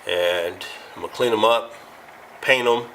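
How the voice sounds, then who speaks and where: A man with a stuffed-up nose from being sick, hosting a casual do-it-yourself car vlog. He talks in a slow, low-energy way and wings it as he goes. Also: a bit bright, slight background noise, poor audio. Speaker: car channel host.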